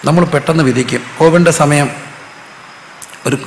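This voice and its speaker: Preaching in a hall with roomy reverb and faint noise, a male pastor calls out questions and has the congregation repeat the answers back. His voice is on the high side and creaky, at a normal speed.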